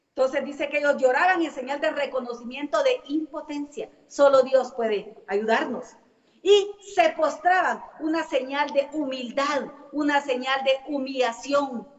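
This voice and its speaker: A woman's voice: high-pitched, a bit bright. A woman preaching a church sermon, stressing her points by repeating phrases in long lists. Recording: echoey hall, distant mic, dull sound.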